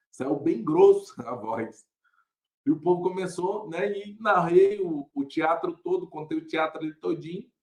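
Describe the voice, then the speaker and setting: A young adult male pastor telling a personal story in casual talk, greeting viewers by name and laughing often. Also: darkish tone. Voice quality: somewhat deep voice.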